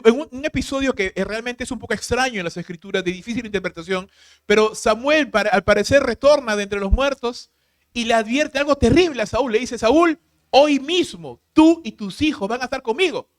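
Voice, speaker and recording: A man pastor preaching a sermon, emphatic and full of rhetorical questions, swinging from loud to hushed. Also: very high voice, brisk.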